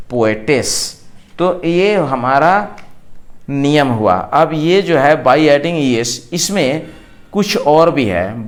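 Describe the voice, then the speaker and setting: A man with an Indian accent teaching English grammar, explaining rules and spelling words out letter by letter. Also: fairly high pitch. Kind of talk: classroom lesson explaining rules.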